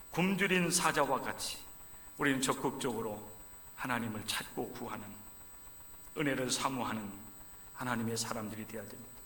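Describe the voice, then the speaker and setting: A man preaching a sermon as pastor during a church service, swinging from loud fervent pleading down to hushed, low lines. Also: a little hiss or hum. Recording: echoey church sanctuary.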